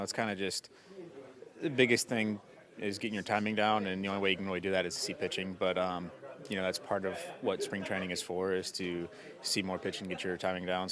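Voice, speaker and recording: A young man, a baseball player, answering in a casual clubhouse interview, easygoing with lots of "you know"s. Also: low voice.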